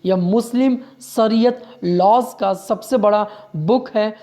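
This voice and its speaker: A man's voice: high-pitched, slow, mellow. A male history teacher runs an exam-prep lecture. He drills each fact by saying it again and again. He keeps pressing his listeners to remember every point and stops now and then to correct himself. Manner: drills facts by repeating them; corrects himself mid-sentence.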